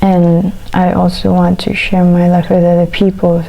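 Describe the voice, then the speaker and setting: A woman chewing while talking, in a casual, reflective eat-with-me chat, speaking haltingly in short phrases. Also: on the low side, monotone, creaky, dark tone, a little hiss or hum, poor audio. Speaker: vlogger.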